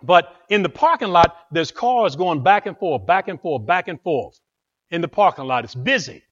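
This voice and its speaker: A man's voice: fairly high pitch, moderate pace, lo-fi sound. A man preaching a sermon, telling a story dramatically and repeating phrases for emphasis. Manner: animated and dramatic, with repetition.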